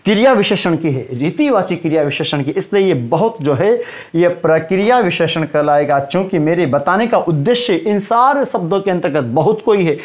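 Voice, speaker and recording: A man teaching a Hindi grammar lesson, quizzing his students and slowly repeating the key terms for emphasis. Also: sits high, expressive.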